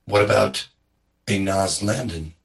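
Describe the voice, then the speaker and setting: A formal, polite droid in a tabletop game, voiced by a man. He speaks in a measured, courteous way with a fairly low voice. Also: creaky.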